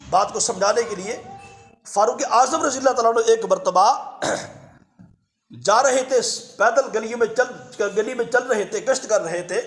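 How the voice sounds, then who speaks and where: A man preaching a sermon, retelling a story with emphatic repetitions. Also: sits high. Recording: echoey room.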